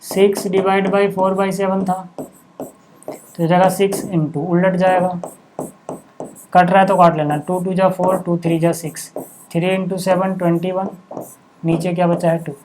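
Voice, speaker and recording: A man's voice: sits high, level tone, measured pace, pauses often, darkish tone. Casual male maths tutor, faint hiss. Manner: casual, repeatedly checks understanding with short asides. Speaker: maths teacher. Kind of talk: classroom lesson explaining on a board.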